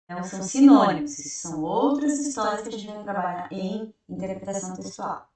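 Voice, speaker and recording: A woman teaching an English grammar lesson who explains step by step, asks and answers her own questions, and reads the example sentences out slowly. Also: medium pitch, mellow. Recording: very echoey room, heard from a distance.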